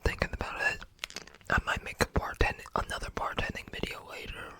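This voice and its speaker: An ASMR creator from the United States rambling casually in a breathy whisper, hesitant, self-effacing and often searching for words. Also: a little fast, pushed and bright.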